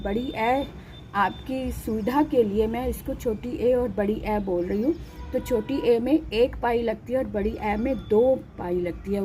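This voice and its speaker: A woman's voice: on the high side, dark tone, slight background noise, low-quality recording. A woman teaching a patient, step-by-step lesson, saying each syllable twice. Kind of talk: slow step-by-step Hindi lesson.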